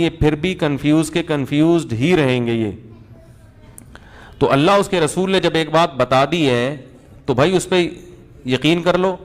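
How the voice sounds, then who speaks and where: A man as a religious cleric answering listeners' questions in a colloquial, humorous way, full of anecdotes. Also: a little high. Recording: reverberant hall.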